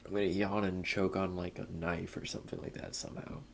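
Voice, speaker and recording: A man's voice: deep voice, flat delivery, brisk, creaky, a little hiss or hum. A young man hosting a gaming channel, reading a visual novel aloud in a laid-back way and muttering casual asides between lines.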